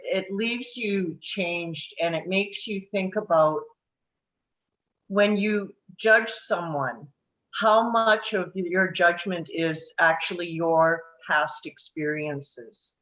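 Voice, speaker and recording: In a casual post-reading talk, a middle-aged woman from the table read weighs in earnestly and emphatically. Her voice is on the low side, and the audio has its highs cut off.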